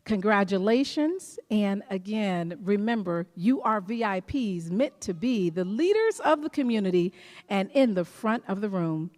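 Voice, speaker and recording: A woman's voice: mid-range voice, animated, a little slow, darkish tone. Emphatic woman speaking in a big echoing hall. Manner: storytelling, emphatic, repeats key phrases. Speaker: school superintendent giving a commencement speech. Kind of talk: motivational commencement speech. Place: large performing arts hall, on stage. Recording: long reverb of a large hall.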